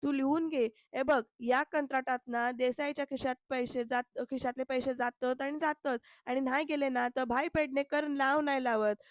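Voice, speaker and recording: A woman's voice: high-pitched, steady tone, normal speed, few pauses, no echo, close to an everyday voice. A woman voicing a grumbling, boastful older businessman in a spoken serial recap.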